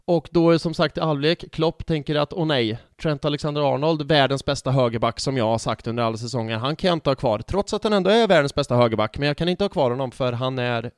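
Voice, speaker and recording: A man in a casual football podcast, telling a match story in an animated way and swearing freely. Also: medium pitch, hardly any pauses, smooth, no room sound, studio quality. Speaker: podcast co-host.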